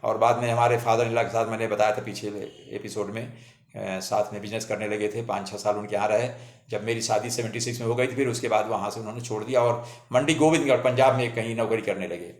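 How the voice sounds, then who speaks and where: A man's voice: lowish voice, fairly even intonation, quick pace. Older man telling his life story. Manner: homely, addresses listeners as friends. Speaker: memoir storyteller. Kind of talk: autobiographical storytelling to viewers. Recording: roomy echo.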